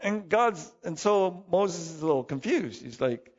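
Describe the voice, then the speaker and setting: A man preaches with a fairly high voice, in a loose conversational way that keeps turning to rhetorical questions. The sound is muffled and lo-fi, with a long reverb trailing through the hall. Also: expressive, unhurried. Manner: conversational, self-deprecating, asks rhetorical questions. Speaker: pastor. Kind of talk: sermon. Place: church. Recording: dull, reverberant church hall recording.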